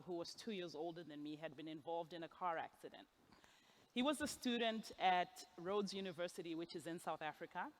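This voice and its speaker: On stage at a gala hall, a woman from Zimbabwe in her forties delivers a storytelling speech, chuckling at her own side remarks. She speaks in a mid-range voice over a slight background hiss or hum.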